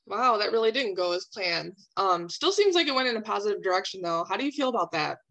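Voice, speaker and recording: A woman speaking as a calm therapist in a counseling role-play, validating and asking reflective questions. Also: medium pitch, fast talker.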